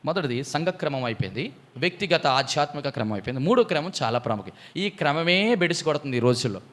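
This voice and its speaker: A man preaching a Bible study sermon, often putting questions to his listeners and swinging from loud exclamations to low, quiet emphasis. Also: very animated, fast. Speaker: pastor.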